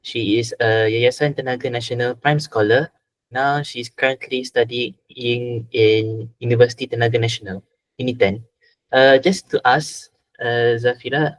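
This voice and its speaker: A man's voice: mid-range voice, low-quality recording. A man with a Malaysian accent moderating an informal event, introducing and thanking speakers.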